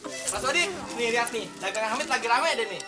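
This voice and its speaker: A man's voice: very high voice, expressive, a little fast, music in the background. A man in a soap opera playing a cheerful, chatty trader. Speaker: Hamid, trader.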